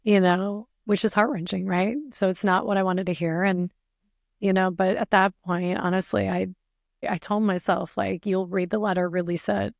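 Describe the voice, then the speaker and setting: Earnest woman with a gravelly voice. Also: mid-range voice, flat delivery, moderate pace, dry recording, studio quality. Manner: earnest, frequent "you know" fillers. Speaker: podcast guest. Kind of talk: personal storytelling in an interview.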